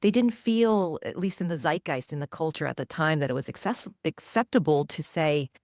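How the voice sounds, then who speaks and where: Low-voiced reflective woman in her forties. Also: animated, moderate pace, darkish tone, no echo, studio quality. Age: 40s. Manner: reflective, earnest, emphatic. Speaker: journalist and author guest. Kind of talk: interview answers.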